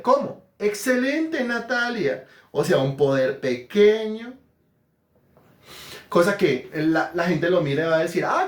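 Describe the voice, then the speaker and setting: A man's voice: fairly high pitch, reverberant. A man preaching an interactive sermon, asking questions and praising the answers. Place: church hall.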